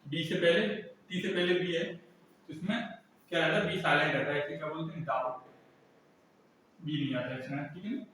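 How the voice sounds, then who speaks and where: An English teacher, a man with a fairly high and fairly bright voice, delivers a classroom lesson at a brisk pace with long pauses, repeatedly posing questions and answering them himself. The room is echoey, the mic sits far away, and there's slight background noise.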